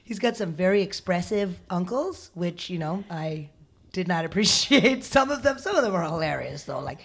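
A woman comedian chatting as a podcast guest, telling lively stories and acting out the voices of people she quotes. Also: on the low side, normal speed, breathy edge. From Indian heritage. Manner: animated storyteller who acts out quoted voices. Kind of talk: casual podcast chat.

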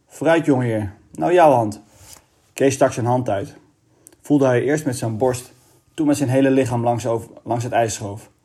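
A man reading a children's novel aloud in a steady, expressive way. His voice sits at an ordinary pitch and has a mellow, relaxed tone. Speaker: audiobook reader.

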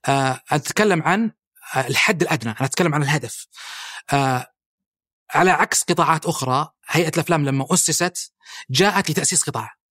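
Fast-talking Saudi man, crisp dry sound. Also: on the high side, fairly bright tone, no room sound. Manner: fluent with frequent "aah" fillers and restarts, listing points. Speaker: guest, head of a national film body. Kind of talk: podcast interview, explanatory.

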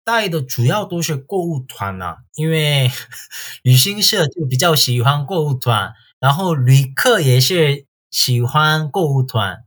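His voice on the high side, animated and a bit bright, a South Korean man replies to interview questions in Mandarin. He's a tour guide who speaks it as a foreigner, casually and haltingly, in simple phrases with a Korean accent.

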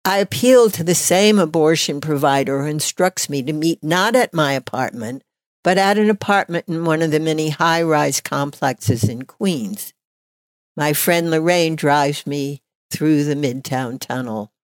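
An older woman, giving personal testimony in a measured, deliberate, reflective way. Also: sits low, no echo.

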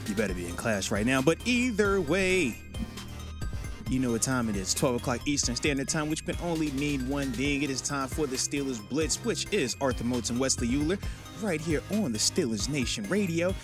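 A man hosting sports radio, opening the show like a showman ringmaster with drawn-out, hyped greetings. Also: mid-range voice. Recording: music playing behind the voice.

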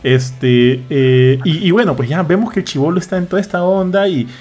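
A man chatting casually as a podcast host, lively and slangy, acting out what others say. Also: on the high side, normal speed, husky. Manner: animated, acts out quotes with slang. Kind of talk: casual chat.

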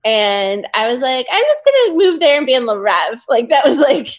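A woman from the Midwest, a dancer and aerialist, chats in an interview over a video call. She tells her story with enthusiasm and slips into quoting her own past thoughts. Her voice sits a little high. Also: very animated, normal speed. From United States Midwest. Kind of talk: casual interview chat.

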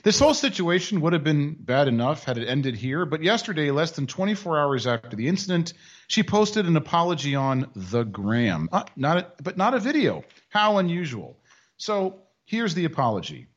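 Man, sarcastic commentary host, higher voice, lively swings, dull lo-fi sound. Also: normal speed. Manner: dry, mocking asides. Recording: dull lo-fi audio.

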